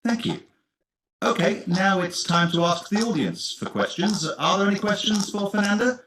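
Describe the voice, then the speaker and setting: An actress playing a polite female interviewer in a scripted course-audio recording, speaking with clear enunciation. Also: medium pitch, animated, moderate pace, close to an everyday voice. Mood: friendly. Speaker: interviewer in a textbook listening recording. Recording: course audio replayed with audible noise.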